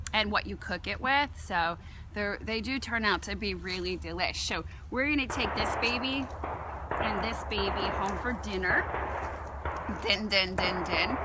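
Background noise fills this casual cooking and foraging vlog, where a medium-pitched holistic health vlogger with a New Jersey accent explains how she finds and cooks mushrooms. She keeps things chatty, playful and meandering for her viewers.

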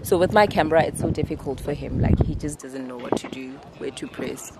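Heavy background noise surrounds this travel vlogger, a woman in her twenties filming herself outdoors on a lake boat. She talks fairly quickly in a low voice, chatty and animated, exclaiming to her audience through a handheld camera at arm's length.

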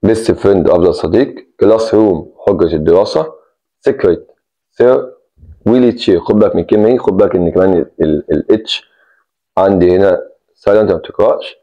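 An Egyptian man teaches an English grammar lesson in a very low, deeply mellow voice. He walks through each example step by step and keeps repeating warnings to pay attention. The recording sounds dull and lo-fi. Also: brisk. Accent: Egyptian Arabic. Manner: explains step by step, repeats key words, stresses "take care".

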